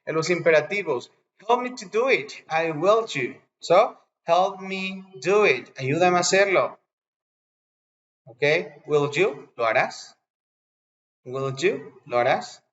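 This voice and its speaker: A man's voice: fairly high pitch, lively intonation, slow pace, fairly bright tone. Bilingual man teaching English grammar. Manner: explains patiently, switches between Spanish and English examples. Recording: dull lo-fi recording.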